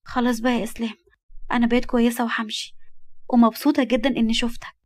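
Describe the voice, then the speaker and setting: A woman's voice: fairly high pitch, level tone, rapid-fire, no room sound, close to an everyday voice. A woman with an Egyptian accent voicing a timid, hurt young wife who talks pleadingly. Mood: gentle. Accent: Egyptian Arabic.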